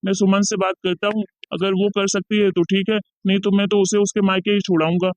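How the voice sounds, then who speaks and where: A woman voicing a calm young adult son in a Hindi cartoon who talks in a soft, reasonable way. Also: medium pitch, a little fast, dry recording, lightly acted. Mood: reasoning.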